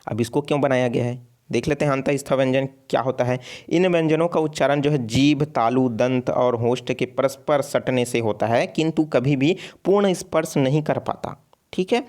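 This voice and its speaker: A man's voice: mid-range voice, normal speed, a little mellow. A man teaching an online exam-prep lesson, explaining step by step and repeating himself often. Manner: repetitive, explains step by step with frequent fillers.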